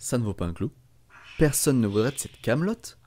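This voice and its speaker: Man playing scrappy young cartoon thief, mid-pitched. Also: animated, fairly quick, dark tone, a little hiss or hum, close to an everyday voice. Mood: indignant, puzzled. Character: young male street thief, scrappy and wary. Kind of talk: amateur animated film dubbing.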